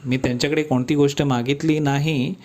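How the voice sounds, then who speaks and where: A man's voice: on the high side, fairly even intonation, fairly quick, a little mellow, close to an everyday voice. A man voicing a cheerful, pampered young woman in love, who talks in a playful, affectionate, teasing way.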